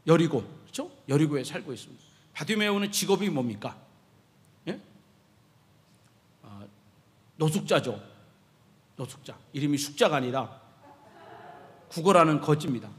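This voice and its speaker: A man's voice: fairly high pitch, animated, moderate pace, long pauses. A male pastor preaching a sermon to his congregation in a church sanctuary. He talks animatedly and keeps asking the congregation questions. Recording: echoey church hall reverb.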